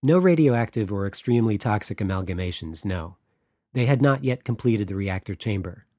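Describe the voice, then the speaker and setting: A man's voice: on the low side, animated, normal speed, darkish tone, dry recording, clean studio sound, close to an everyday voice. A man voicing a young Estonian woman official who explains things earnestly and a little formally, with an Estonian accent. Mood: explaining.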